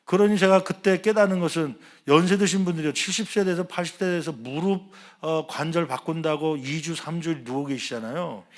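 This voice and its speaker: A middle-aged man, a senior pastor, preaching a Sunday sermon, telling a personal story and acting out the quoted dialogue, swinging between loud and hushed. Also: on the high side.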